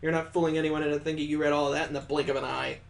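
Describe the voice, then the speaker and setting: Hosting a gaming video, a man reads visual novel lines aloud with playful expression and tosses in his own jokes. His voice is slightly high and creaky, and he talks very fast.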